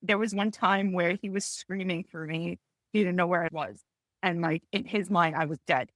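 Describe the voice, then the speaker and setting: Tearful woman in her forties, halting. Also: lowish voice, a bit bright, no echo. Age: 40s. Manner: halting, with frequent restarts and apologies. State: tearful, close to crying. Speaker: panelist. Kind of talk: emotional personal testimony on a panel.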